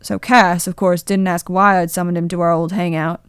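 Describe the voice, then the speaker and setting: A woman voicing a young man in his twenties, sheepishly and tenderly recounting a memory in halting confessional storytelling. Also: fairly low pitch, little pitch movement, clear, resonant tone, no echo, studio quality, close to an everyday voice. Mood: wistful.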